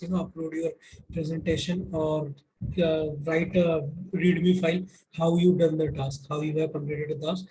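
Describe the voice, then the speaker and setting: A man's voice: on the high side, mellow. A man with an Indian accent giving instructive feedback as a mentor on a video call. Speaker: internship mentor hosting the meeting. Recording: noisy video-call audio.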